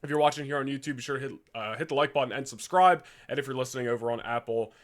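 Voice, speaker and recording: A young man co-hosts a podcast, talking in a racing, mid-range voice. The chat is casual, full of loose slang and frequent laughter.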